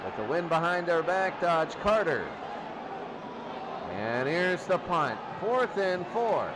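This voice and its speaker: Over a roaring stadium crowd, a play-by-play announcer delivers live football commentary and recaps in brief, clipped, repeated phrases. His high-pitched voice is very animated yet slow. The audio is noisy.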